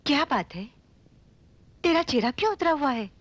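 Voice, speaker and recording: An actress playing a caring, devout older mother who speaks in a gentle motherly way. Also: high voice, expressive, normal speed, no echo, highs cut off. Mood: worried.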